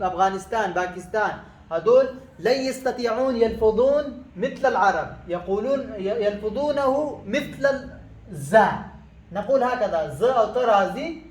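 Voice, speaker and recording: A man whose first language is Pashto teaches a relaxed spoken lesson, often pausing and restarting his sentences. His voice sits fairly high for a man. The recording sounds echoey, as if made in a bare room. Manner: halting, many fillers and restarts.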